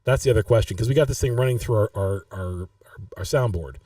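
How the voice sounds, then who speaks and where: A man's voice: fairly low pitch, quick pace, mellow, dry recording, far from the mic. A man hosting a casual live-stream podcast, rambling and restarting his sentences. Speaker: podcast host.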